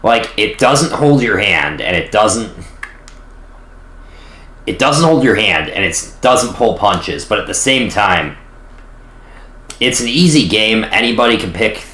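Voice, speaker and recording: A man's voice: on the low side, sharp tone, echoey room. A young man casually commentating his gameplay on stream, rambling and self-deprecating. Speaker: gaming streamer.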